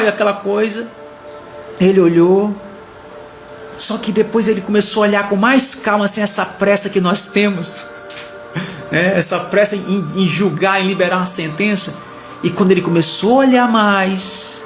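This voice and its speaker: A man preaching a sermon as a story, animated and acting out the characters' lines. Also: sits high. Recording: echoey room with faint music.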